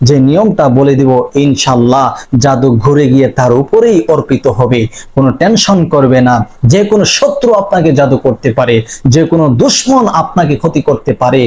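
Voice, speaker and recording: A man's voice: medium pitch, expressive, brisk, a little mellow, poor audio. A man giving earnest, reassuring religious instruction to viewers, repeating phrases for emphasis. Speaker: Islamic spiritual teacher.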